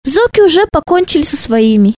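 A woman narrating a children's storybook in a playful, expressive way. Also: high-pitched, a little fast, no echo.

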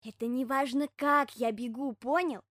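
A woman's voice: high-pitched, fairly even intonation, a bit bright, dry recording, clean studio sound. A woman doing an earnest little hedgehog. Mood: explaining. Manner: insistent, explaining slowly. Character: earnest little male hedgehog, patient explainer. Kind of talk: storybook reading.

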